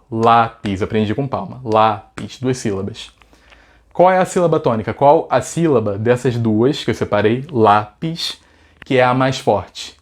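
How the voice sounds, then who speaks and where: A man's voice: mid-range voice, darkish tone. A man with a Brazilian accent teaching English in a casual video lesson, chatty and full of rhetorical questions. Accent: Brazilian Portuguese.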